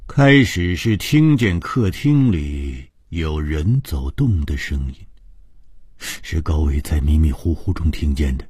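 A male storyteller with a very deep, husky, breathy voice reads a suspenseful ghost story. His pitch swings widely to build tension, and the close recording is completely dry. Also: lively intonation, slow, a little mellow, no echo. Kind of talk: scripted narration of a ghost story.

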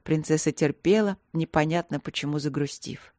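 A woman reading an audiobook as narrator, in a steady, even scripted delivery. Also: low-pitched, normal speed, dry recording, studio quality.

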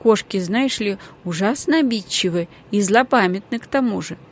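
A woman reading the part of a kindly middle-aged doctor and father in an audiobook, gentle and coaxing. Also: mid-range voice, lively intonation, normal speed.

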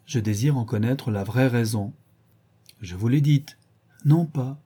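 A man's voice: medium pitch, unhurried, warm tone, slightly rough. A man voicing a witty, cynical young English aristocrat with an airy, amused manner. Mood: insistent.

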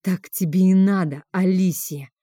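A woman voicing a volatile, grief-stricken drunken house master with a hoarse voice, in an audiobook reading. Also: on the low side, fairly even intonation, unhurried, mellow, dry recording, studio quality, lightly acted. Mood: menacing. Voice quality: hoarse from drink.

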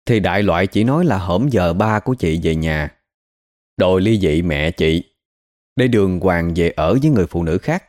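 A man's voice: on the low side, dark tone. A man with a Southern Vietnamese accent narrating a village story in a chatty, gossipy way.

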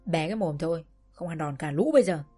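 Stern old grandma voiced by a woman, scolding, hushed warnings, storybook voice. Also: fairly low pitch, brisk, faint music behind, close to an everyday voice.

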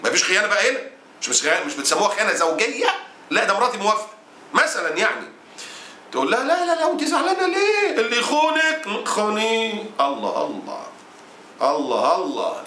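An indignant Egyptian preacher delivers his sermon at a racing clip, his voice high and sharply bright. He scolds with fiery conviction. The room around him rings with echo. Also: a little hiss or hum. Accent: Egyptian Arabic. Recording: roomy echo.

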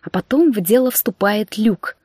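A woman narrating a first-person audiobook story in a lively, theatrical way. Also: medium pitch, normal speed, slightly rough, dry recording, studio quality.

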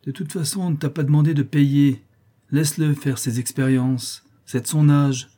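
A man's voice: fairly high pitch, fairly even intonation, normal speed, dark tone, pitched above the performer's own voice, lightly acted. A man reading an audiobook, voicing a proud, curt widowed mother in a raised voice. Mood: scolding. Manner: curt and scolding. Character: stern widowed mother, sharp-tongued, proud.

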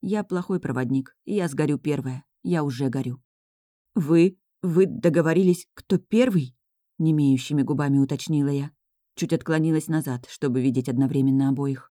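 A woman reads a first-person novel aloud, voicing the story expressively. Her tone is dark and mellow, and the recording is close and dry with no room sound. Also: very deep voice, a little fast, no room sound. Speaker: audiobook narrator. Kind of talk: first-person audiobook narration.

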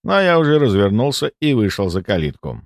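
A man narrating a first-person audiobook in a lively, expressive reading. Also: on the low side, brisk, no room sound, studio quality.

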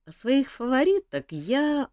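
A dry, understated king, tired of court life and quietly amused, as a woman reader puts him on. The voice swings widely in pitch, and the recording is close and completely dry, with no room sound. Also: big pitch swings, a little slow, dry recording. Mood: wry. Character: wry, weary middle-aged male king. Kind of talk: audiobook character voice.

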